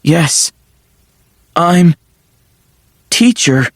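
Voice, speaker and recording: A man voicing a loyal talking sword who acts as a mentor, speaking earnestly and excitably. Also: on the high side, extremely slow, no room sound, clean studio sound, exaggerated voice. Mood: excited.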